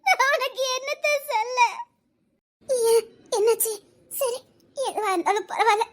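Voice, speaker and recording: A woman's voice: extremely high pitch, moderate pace. An actress playing a grieving young woman talking with her friend, with an emotional, tearful delivery. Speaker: actress in a family drama. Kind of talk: melodramatic dialogue scene.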